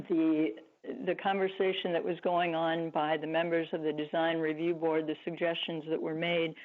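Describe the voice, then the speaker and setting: A woman speaking over the phone as a public commenter at a board meeting, measured and reading prepared remarks. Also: fairly low pitch, a little hiss or hum. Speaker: public commenter, church council chair. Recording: tinny phone line.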